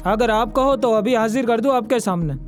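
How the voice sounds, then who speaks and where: Dutiful constable, very high brisk voice, faint music behind. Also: male voice. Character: eager police constable assisting the officer.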